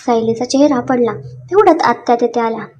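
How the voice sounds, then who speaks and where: A woman storyteller narrating a romance story in an expressive, dramatic way. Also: a little high, a little fast, slight background noise.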